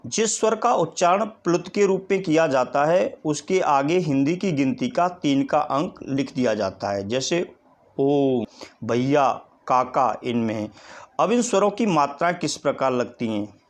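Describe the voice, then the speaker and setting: A man's voice: fairly high pitch, animated, unhurried. A man teaching a recorded Hindi grammar lesson, repeating each definition and spelling out letters one at a time.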